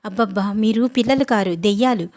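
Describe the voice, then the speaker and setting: A woman's voice: mid-range voice, fairly quick, darkish tone, no echo, lightly acted. A woman voicing a middle-aged housewife and mother, fond with her husband and flustered with the children, in a storybook reading. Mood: scolding.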